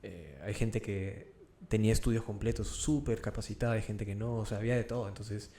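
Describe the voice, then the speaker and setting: A man hosting an interview, relaxed and full of filler phrases. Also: fairly low pitch, fairly quick. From Peru. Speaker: podcast host. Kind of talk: casual interview chat. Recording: roomy echo.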